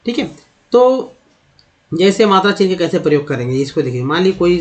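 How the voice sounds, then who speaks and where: A man's voice: sits high, very animated, fairly quick, low-quality recording. A man teaching English reading and vowel sounds, addressing viewers as friends and asking and answering his own questions. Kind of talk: explanatory lesson.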